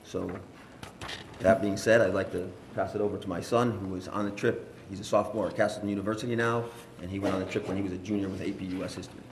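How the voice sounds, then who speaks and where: A man's voice: low voice, steady tone, fast, a little hiss or hum. A man, a teacher and parent, giving earnest, rambling remarks at a school board meeting. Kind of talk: informal public remarks. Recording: echoey meeting room, faint ambience.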